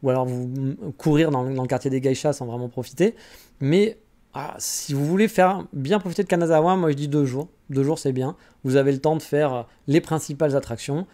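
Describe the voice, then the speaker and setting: A man's voice: medium pitch, fairly even intonation, a little fast, warm tone. A man hosting a podcast, chatting casually and rambling about travel, poking fun at himself. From France. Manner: chatty, rambling, self-mocking. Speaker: podcast host.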